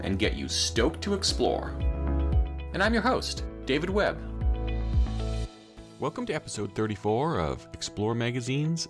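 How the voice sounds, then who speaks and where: A male podcast host giving an enthusiastic intro and interviewing guests. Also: medium pitch. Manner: upbeat, enthusiastic delivery.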